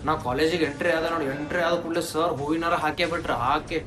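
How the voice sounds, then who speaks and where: A man's voice: on the high side, flat delivery, fast. A young man with a North Karnataka Kannada accent, acting out a playful comedy sketch with boastful banter.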